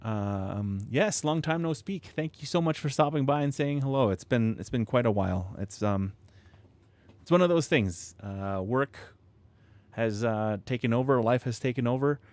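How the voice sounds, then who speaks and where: A man builds model kits while hosting a live stream from his home setup, rambling casually to viewers with many restarts and fillers and frequent chuckles. His medium-pitched, slightly mellow voice has lively intonation at normal speed, recorded dry on a close studio microphone with proximity effect.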